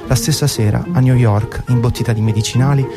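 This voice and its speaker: A radio presenter reads scripted narration in a fairly quick, fairly even man's voice of medium pitch, using dramatic, literary storytelling phrasing. It's part of a guided music programme, with prominent music playing behind him.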